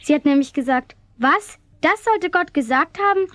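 A woman's voice: high voice, lively intonation, moderate pace, a bit bright, slight background noise, pitched above the performer's own voice. A woman voicing an eager child who chimes in to retell the story.

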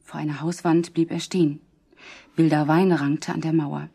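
A woman reading a story aloud in a calm, even way. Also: sits low, moderate pace, creaky, husky. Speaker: narrator. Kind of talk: read storybook narration.

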